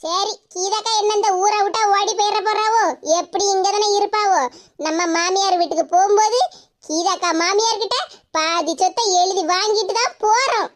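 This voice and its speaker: A woman voicing a cheeky, greedy young village woman in a cartoon, in a high, squeaky voice. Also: fairly even intonation, moderate pace, a little hiss or hum. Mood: scheming. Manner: pleading, cheeky. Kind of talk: cartoon voice acting.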